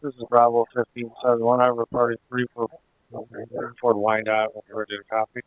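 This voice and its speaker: A man's voice: mid-range voice, completely flat delivery, brisk, no echo. A man giving terse emergency reports as a radio caller, crackling over a two-way walkie-talkie. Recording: tinny band-limited police scanner radio.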